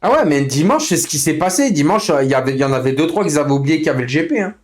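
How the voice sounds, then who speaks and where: On a live gaming stream, a man who runs an online racing league chats casually with other players, griping in slangy, informal speech and repeating himself. His voice is fairly high and sing-song, and he talks very fast over faint background music.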